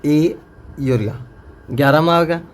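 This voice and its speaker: Here a male teacher drills his class through a grammar lesson, asking questions again and again. He speaks fairly high and a little slowly, over faint background noise.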